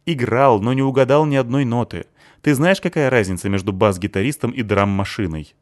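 A man's voice: medium pitch, sing-song, fairly quick, darkish tone, no room sound, studio quality, voice pushed up, lightly acted. Man voicing a snappy, angry teenage girl. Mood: scolding. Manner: snappy, rude, mocking. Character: sharp-tongued, angry eighteen-year-old girl.

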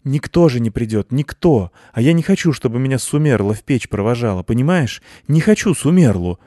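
A man voicing an emotional, clingy eighteen-year-old girl who speaks in a nervous, pleading way, with his pitch raised well above his own. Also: a little slow, a little mellow, no echo, studio quality, lightly acted. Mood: fervent pleading.

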